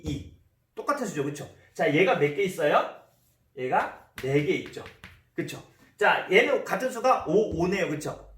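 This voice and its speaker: A man's voice: sits high, fairly bright tone. A man teaching a math lesson in a classroom, repeating key terms and asking the class questions. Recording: roomy echo, voice from a distance.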